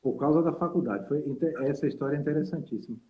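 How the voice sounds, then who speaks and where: A man from Salvador, Brazil, a guest saxophonist and teacher, tells stories over a video call in a rambling, reflective way packed with fillers. His voice is slightly high and he talks fast, with a little background noise. It's a casual interview with tinny call audio.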